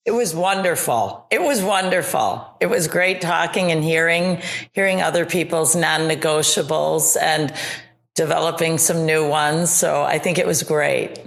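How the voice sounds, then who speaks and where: A middle-aged woman giving a personal faith testimony on a video call, earnest and storytelling, with soft laughs now and then. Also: deep voice, measured pace, gravelly. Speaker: guest speaker.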